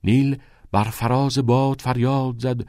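Male audiobook narrator, measured and dry. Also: mid-range voice, level tone, darkish tone, no room sound.

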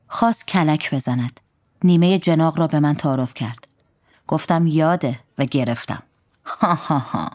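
Low-voiced woman reading a story. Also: warm tone, no room sound. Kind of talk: first-person story reading.

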